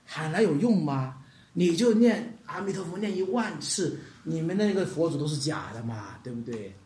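A man preaching a sermon to his congregation, animated and addressing them directly, acting out the people he describes. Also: a little high, normal speed, crowd noise. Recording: roomy hall echo.

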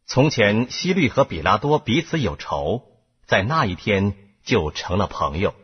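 A man reading a chapter of scripture aloud, lifting his voice where the crowd shouts. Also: fairly low pitch, sing-song, a little slow, breathy edge. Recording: dull lo-fi recording.

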